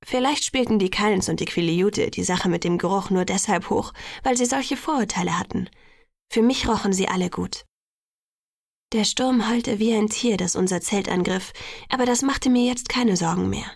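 A woman's voice: mid-range voice, moderate pace, creaky, no echo. A woman narrating a first-person audiobook in an intimate, sometimes whispered voice, close to the microphone.

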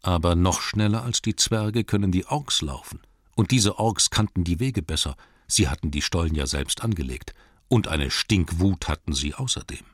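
A man narrating a storybook in a measured, dramatic reading, slowing down for emphasis. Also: sits low, dry recording, studio quality. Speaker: audiobook narrator.

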